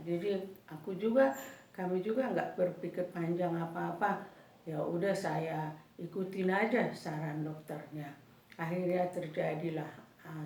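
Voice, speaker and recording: A woman in her fifties giving a church testimony, telling her story to the congregation and calling them brothers and sisters. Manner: addresses listeners as brothers and sisters, grows loud and high when reliving fear. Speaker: testimony speaker. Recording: echoey room, voice from far off, faint noise.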